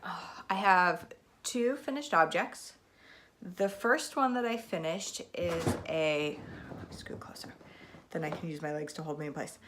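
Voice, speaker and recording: At a measured pace, a woman with a fairly low, slightly bright voice talks over slight background noise. In her thirties, she hosts a knitting podcast from her spinning chair at home, picked up by the camera mic, and with a cold clogging her nose she chats loosely, dropping frequent ums.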